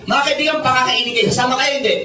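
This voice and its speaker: A man's voice: very high voice, racing, very noisy. Filipino man joking through a seminar talk. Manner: animated, joking with the audience, acts out dialogue. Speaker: network marketing mentor and seminar speaker. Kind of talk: Taglish seminar storytelling. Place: seminar hall with a large audience. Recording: echoey hall, distant mic, loud crowd.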